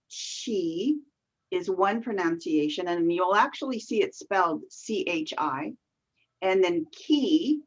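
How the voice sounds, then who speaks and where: A woman teaching qigong as an interview guest, explaining patiently step by step with many fillers over a video call. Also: lowish voice. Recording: muffled lo-fi video call audio.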